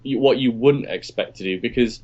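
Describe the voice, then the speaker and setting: A man's voice: mid-range voice, brisk, a little mellow, slightly rough, dull audio. A man co-hosting a podcast over an online call, chatting easily while his voice rings with a cave-like echo. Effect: echoey, cave-like sound on his line. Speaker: podcast co-host. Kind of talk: casual chat. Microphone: remote call mic.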